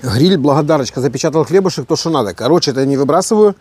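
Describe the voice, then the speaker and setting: A man's voice: fairly high pitch, animated, very fast, darkish tone, breathy edge. A man with an Odesa Russian accent, chatting casually and playfully in colloquial slang as he hosts a home cooking vlog. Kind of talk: casual banter while cooking. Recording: outdoor ambience with birdsong, background noise. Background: birds chirping.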